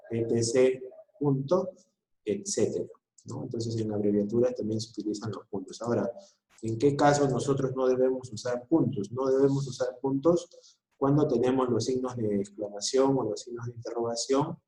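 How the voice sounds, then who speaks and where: A man's voice: medium pitch, mellow, reverberant, a little hiss or hum, low-quality recording. A male school teacher giving a recorded online class, explaining patiently and often checking in with short questions.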